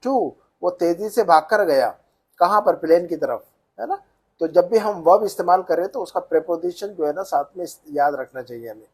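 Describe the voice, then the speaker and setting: A man teaching an Arabic reading lesson, explaining grammar patiently and slowly drilling each word's pronunciation. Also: high-pitched, expressive, husky. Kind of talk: language lesson.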